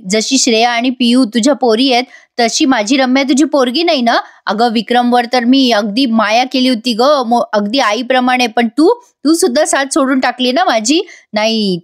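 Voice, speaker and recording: A woman's voice: high voice, natural voice. A woman voicing a furious middle-aged aunt who bitterly scolds her sister, in a soap recap. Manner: bitter, accusing tirade.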